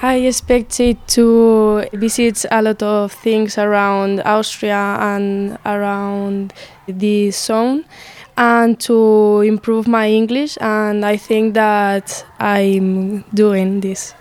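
A woman's voice: mid-range voice, level tone, drawn-out words, darkish tone, smooth. A young woman from Castilla-La Mancha, an exchange student guest giving brief, plain answers. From Castilla-La Mancha, Spain. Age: young adult.

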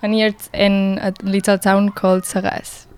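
A woman's voice: mid-range voice, little pitch movement, normal speed, darkish tone, clean tone. A young woman from Catalonia, an exchange student guest who explains her answers steadily. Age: young adult.

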